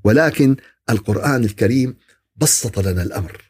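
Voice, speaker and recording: A man's voice: mid-range voice, animated, fairly quick, darkish tone, husky. A man giving a podcast religious talk, asking rhetorical questions and answering them himself. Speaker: religious speaker.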